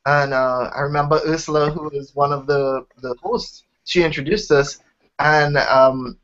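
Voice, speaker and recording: A young startup founder from Trinidad and Tobago, with a Trinidadian accent and a steady, somewhat high, slightly bright voice, eagerly tells his company's story at a measured pace. In this casual interview he often restarts sentences, and the recording sounds dull and lo-fi.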